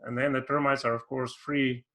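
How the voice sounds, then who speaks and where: A South African man giving an online workshop talk, unhurried and hesitant, with many ums and restarts. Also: mid-range voice, level tone, bright, forceful tone. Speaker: workshop presenter. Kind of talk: conference presentation.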